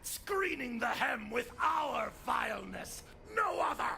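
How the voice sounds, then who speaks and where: A raving game psycho. He screams in a high, extremely gravelly voice, dragging out unhinged war cries with violent fury over faint background noise. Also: big pitch swings, pushed and bright, raised voice, full character voice. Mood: manic rage. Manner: unhinged, drawn-out bellowing. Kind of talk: video game character acting.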